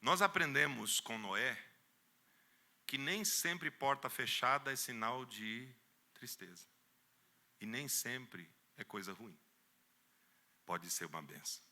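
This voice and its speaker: A male pastor with a Brazilian Portuguese accent preaches a sermon in church, telling a story and acting out the voices in it, and he rises to loud emphatic peaks. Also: mid-range voice, animated, slow pace, pauses often.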